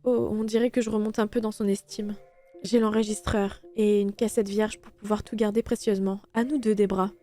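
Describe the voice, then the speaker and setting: A woman streamer reading a visual novel game aloud, voicing every character in turn with a lightly animated delivery. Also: medium pitch, a little fast, soft background music. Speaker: let's play streamer.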